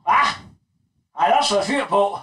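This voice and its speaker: A man plays a coarse, bossy mother who rambles on, swears freely and keeps calling herself mum. Her voice sits extremely high, and it comes from a distance in a roomy space. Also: lively intonation, a bit bright. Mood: rambling. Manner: crude, rambling, talks about herself as "mor". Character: crude gossipy middle-aged mother, bossy and blunt. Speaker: sketch actor.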